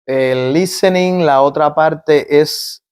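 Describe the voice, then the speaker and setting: A man's voice: on the high side, slow pace, a little mellow, smooth. A man with a Cuban Spanish accent, a migrant doctor being interviewed, who explains step by step with examples and often restarts his phrases. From Cuba.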